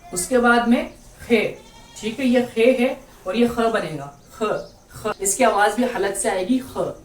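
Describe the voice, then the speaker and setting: Female patient teacher, roomy distant sound. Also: on the high side. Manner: patient, repeats each letter slowly with frequent "theek hai". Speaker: Urdu teacher. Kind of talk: online language lesson. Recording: roomy, distant mic with faint background noise.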